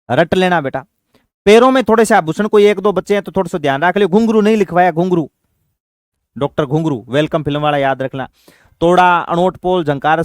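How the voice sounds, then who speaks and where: A man's voice: fairly high pitch, no echo, clean studio sound. A man teaching an exam-prep class in a chatty, affectionate way, repeating terms so students memorize them. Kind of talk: online exam-prep lecture.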